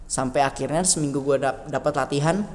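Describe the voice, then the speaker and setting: A man's voice: mid-range voice, fairly quick. A young man, a school alumnus telling his story as a podcast guest and acting out the people he quotes. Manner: animated storyteller who acts out quotes. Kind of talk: casual podcast chat. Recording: reverberant room with faint noise.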